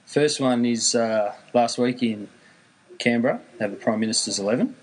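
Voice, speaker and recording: A man's voice: mid-range voice, normal speed, low-quality recording. Wry Australian man telling stories. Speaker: podcast host. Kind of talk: casual chat.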